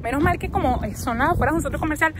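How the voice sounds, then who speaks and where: A woman's voice: high voice, rapid-fire. A young woman in her twenties talking casually and expressively into a phone held at arm's length outside a shopping mall. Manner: chatty, expressive storytelling. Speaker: vlogger. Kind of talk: casual vlog chat. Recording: noisy outdoor phone recording. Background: street and traffic noise.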